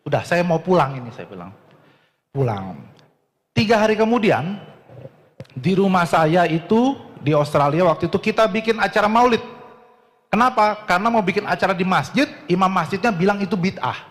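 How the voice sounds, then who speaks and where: Male preacher, storytelling sermon, animated pitch, reverberant hall. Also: moderate pace, pauses often. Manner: lively storyteller acting out dialogue.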